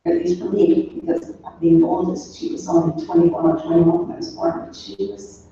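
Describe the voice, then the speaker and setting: A dark-toned, lowish voice with big pitch swings carries this daughter's funeral remembrance at a moderate pace. In her sixties, she reminisces informally, rambling through anecdotes and trailing asides. The sound is distant and muffled, with faint noise, from an echoey room far from the mic.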